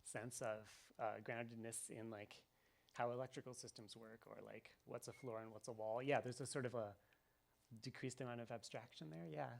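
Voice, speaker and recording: Thoughtful game developer with a gravelly voice. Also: male voice, mid-range voice, fairly even intonation, moderate pace. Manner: thoughtful, rambling, many ums and restarts. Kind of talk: live developer commentary. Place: event venue with audience.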